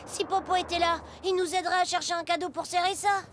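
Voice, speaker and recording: High-pitched, fussy cartoon child. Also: female voice, fairly even intonation, quick pace. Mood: chatty, curious. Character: anxious, bossy, boastful young child, cautious best friend. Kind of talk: animated children's series dialogue.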